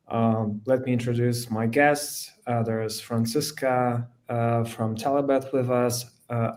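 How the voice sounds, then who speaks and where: Hesitant male panel host. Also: medium pitch. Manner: relaxed, hesitant with many fillers. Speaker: host, design manager. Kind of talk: online panel moderation.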